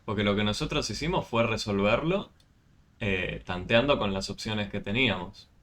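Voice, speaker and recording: Argentine man, low voice, patient online math tutor, hesitant fillers, computer mic. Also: moderate pace, a bit bright. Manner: patient, explaining step by step with many fillers.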